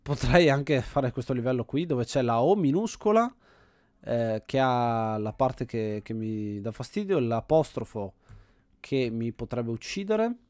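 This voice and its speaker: The host of an indie game video series, an Italian man, gives casual commentary while he plays, thinking aloud and often repeating or doubling back on his own words. His voice is at an average male pitch, and the recording is dry with little room sound.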